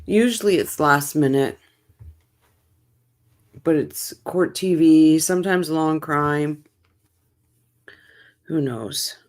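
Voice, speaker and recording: A woman's voice: low-pitched, slow pace, long pauses, a little mellow. A woman hosting a casual livestream, greeting chat viewers by name with a tired morning voice. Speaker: livestream host.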